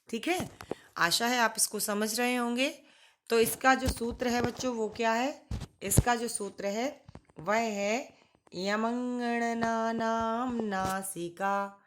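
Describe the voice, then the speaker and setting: A woman teaching a lesson to children, reciting rules in a drawn-out way and answering her own questions. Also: medium pitch, a bit bright. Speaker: Sanskrit teacher.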